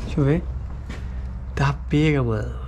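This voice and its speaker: A man's voice: mid-range voice, a little slow, background noise. A man with a southern Brazilian accent giving casual commentary while exploring an abandoned wooden house. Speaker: paranormal investigation vlogger. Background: loud music.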